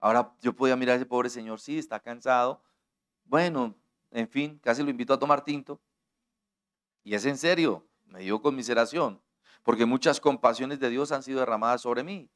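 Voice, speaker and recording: A man's voice: medium pitch, moderate pace, a bit bright. A middle-aged man with a Colombian accent preaching a sermon as pastor, talking straight to his listeners and explaining with everyday examples. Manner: direct, conversational preaching that addresses listeners personally; explains with everyday examples and acts out quoted dialogue.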